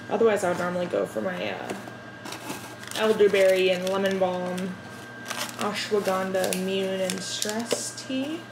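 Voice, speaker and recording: A woman's voice: mid-range voice, vocal fry, noisy background. A young woman in her twenties chatting casually in a home vlog, rambling with lots of "like" and "um.". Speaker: lifestyle vlogger. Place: home kitchen and bathroom. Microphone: on-camera mic.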